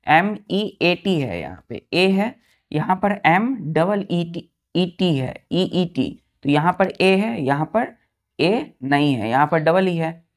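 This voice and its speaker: A woman teaching English vocabulary in an exam-prep lesson, spelling words letter by letter, repeating each meaning patiently and quizzing her pupils. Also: fairly low pitch.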